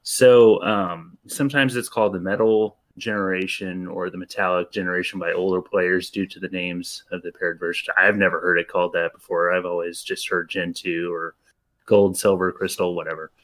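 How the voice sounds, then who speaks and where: A man hosting a casual gaming podcast, talking in a laid-back way with lots of ums and pauses. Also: low voice, flat delivery, fairly bright tone. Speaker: podcast host.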